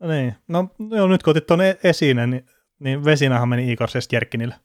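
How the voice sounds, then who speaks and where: A man's voice: medium pitch, no room sound, clean studio sound. A man hosting a casual sports podcast, chatty and rambling, laughing now and then. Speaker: podcast host.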